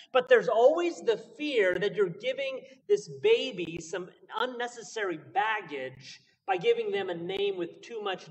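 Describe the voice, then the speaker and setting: A pastor delivers his sermon in an earnest, storytelling way, his voice sitting high for a man. He sounds a little distant from the microphone, as if preaching from the pulpit.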